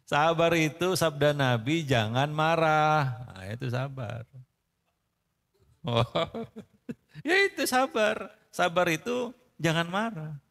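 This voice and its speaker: A man's voice: a little high, lively intonation, slow, vocal fry, long pauses, fairly bright tone. A man giving a casual sermon to a congregation, bantering, quizzing his listeners and laughing often. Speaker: preacher. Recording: long reverb of a hall.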